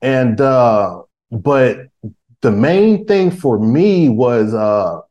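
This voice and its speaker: A podcast guest in his forties chats casually, rambling with many restarts, fillers and street slang. His mid-range voice is warm and sing-song, and he speaks very slowly. The highs in the audio are cut off.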